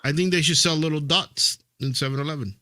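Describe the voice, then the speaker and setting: A man co-hosting a casual podcast, throwing in quick, laid-back jokes. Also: a little high, steady tone, pushed and bright. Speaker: podcast co-host.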